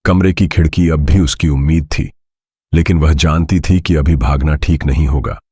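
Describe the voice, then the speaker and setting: Very deep husky male storyteller. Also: steady tone, moderate pace, dark tone, no echo, clean studio sound. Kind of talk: scripted story narration.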